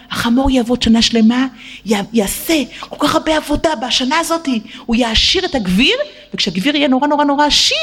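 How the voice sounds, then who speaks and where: High-voiced woman preaching a bedtime sermon. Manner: swings high and slow for quoted and prayed lines, tearful at times. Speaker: religious teacher addressing girls. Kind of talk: bedtime sermon storytelling with prayer.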